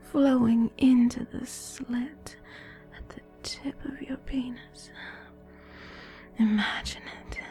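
A woman whispers very slowly and breathily, her voice high and airy. She voices an intimate erotic audio piece, moving between hushed whispers and fuller moans. Faint music sits behind her. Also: vocal fry, husky.

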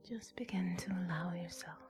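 A woman giving a guided sleep relaxation like a sleep story narrator, in a soft breathy whisper, soothing and gently instructing with long pauses. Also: lowish voice. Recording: soft music with singing bowl behind. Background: relaxation music.

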